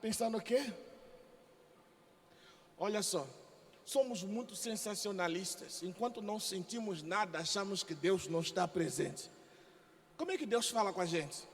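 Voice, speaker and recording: A man pastor from Africa preaching a sermon in a lively, exclamatory, joking way. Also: high voice, moderate pace, pauses often, big-room sound. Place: church.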